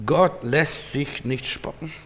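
A male preacher giving a sermon in an emphatic, repetitive way, swinging between loud and soft, recorded in a church hall. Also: fairly high pitch, slow, slightly rough. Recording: long hall reverb.

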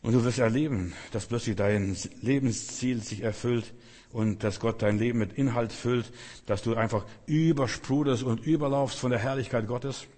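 Male preacher, husky voice, emphatic delivery with repeated phrases, long hall reverb. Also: medium pitch, fairly even intonation, normal speed, darkish tone. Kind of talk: sermon.

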